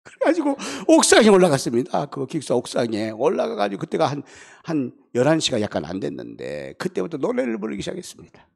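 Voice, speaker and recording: Pastor, male. Gravelly, husky voice. Lively, animated sermon storytelling. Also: on the high side, fast. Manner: animated storytelling, acting out friends' lines, swings from hushed to loud. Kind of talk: revival sermon with personal story. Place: church.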